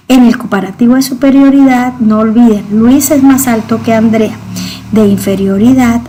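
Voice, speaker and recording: Slow, patient woman teaching grammar. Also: fairly high pitch, mellow. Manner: patient, repeats key words, addresses students directly. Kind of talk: grammar lesson explanation.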